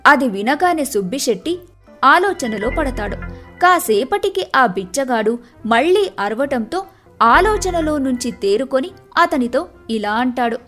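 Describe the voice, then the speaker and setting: High-voiced woman telling a moral story. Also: soft background music. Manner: steady, measured storytelling. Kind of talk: scripted storybook narration.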